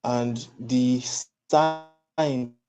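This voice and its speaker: A man's voice: mid-range voice, fairly even intonation, mellow, lo-fi sound. Man on a lagging, time-smeared internet call. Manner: halting, repeats words and restarts. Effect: lagging, time-smeared internet call audio. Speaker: caller. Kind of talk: call-in debate over an online stream.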